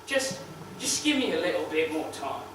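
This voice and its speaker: An actor playing a crude, cocky crocodile wrestler who loses his arm and grieves, talking in a foul-mouthed way that swings from swagger to shouted despair. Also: fairly high pitch, sing-song, moderate pace, noisy background. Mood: anguished. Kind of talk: dramatic monologue. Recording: very echoey room, mic far off, faint ambience.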